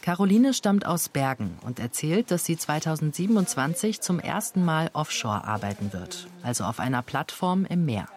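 Documentary narrator, even and measured. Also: medium pitch.

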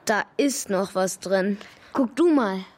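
A woman's voice: mid-range voice, slow pace, a little mellow, a little hiss or hum, natural voice. An actress playing a practical, sceptical young boy in an audio drama, matter-of-fact with mild sarcasm. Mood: curious, practical. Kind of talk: German audio drama acting.

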